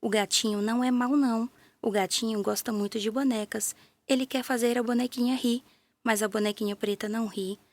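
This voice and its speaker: Gentle Brazilian woman telling a children's tale. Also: on the high side, steady tone, brisk, no room sound. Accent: Brazilian Portuguese. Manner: gentle, playful, with sound effects and character voices. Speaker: storyteller. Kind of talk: children's story narration.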